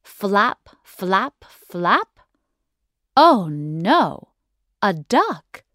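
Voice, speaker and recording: A woman reads a children's picture book to young learners, stretching every word out very slowly. Her pitch swoops up and down expressively. The recording is dry and close, with no room sound. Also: sing-song, fairly bright tone, no room sound. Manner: slow, exaggerated, sing-song. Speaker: English teacher.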